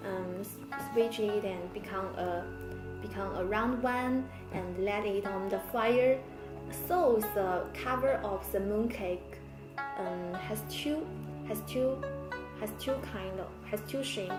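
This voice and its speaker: A woman's voice: mid-range voice, slow, over music. Hesitant woman student in an echoey room. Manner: hesitant, many fillers and restarts. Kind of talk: classroom discussion.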